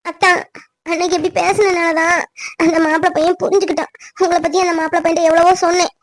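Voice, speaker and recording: A woman voicing a tearful village girl, very high. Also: level tone, fast talker, dry recording. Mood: pleading tearfully. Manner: tearful, pleading. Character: young village woman Ponni, pleading lover. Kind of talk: cartoon drama.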